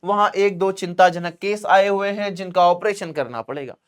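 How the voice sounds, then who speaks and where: Reading and re-reading lines from a Hindi literature chapter, this teacher explains them conversationally and addresses his students as beta. His voice sits high with a clean tone at normal speed, and he raises it to perform the quoted dialogue.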